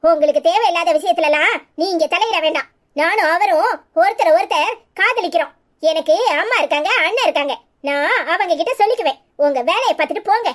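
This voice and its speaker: A woman voicing a defiant, sharp-tongued young sister-in-law in a cartoon, with a Tirunelveli Tamil accent and a curt manner. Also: extremely high pitch, expressive, fairly quick.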